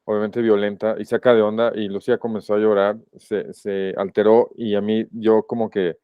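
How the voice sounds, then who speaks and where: A man with a Mexican accent tells his own story as a podcast guest. His voice is low, smooth and resonant, and he speaks in a reflective, halting way, often stopping to rephrase. The sound is dry and a little dull, like a lo-fi recording. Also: little pitch movement, no room sound. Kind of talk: personal testimony in a podcast interview.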